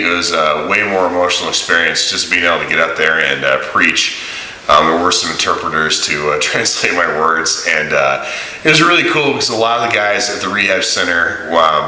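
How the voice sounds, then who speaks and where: Guy rambling low with a sharp bright edge, lots of uhs, echoey room. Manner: rambling, full of uh and um fillers. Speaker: mission-trip vlogger. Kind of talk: casual rambling video diary. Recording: echoey room with faint hiss.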